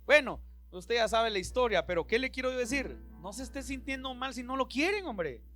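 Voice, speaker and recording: A man's voice: extremely high pitch, sing-song, moderate pace, fairly bright tone, soft background music. A man preaching a passionate sermon in a church, with a Central American Spanish accent, acting out Bible scenes in different voices. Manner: impassioned, acts out Bible dialogue in voices. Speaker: pastor.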